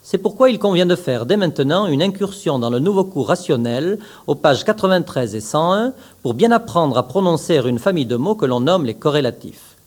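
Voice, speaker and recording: A man teaching pronunciation in a recorded lesson, saying each word slowly and with clear, stressed syllables. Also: a little high, expressive, darkish tone. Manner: slow, carefully articulated, stresses syllables. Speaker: language teacher.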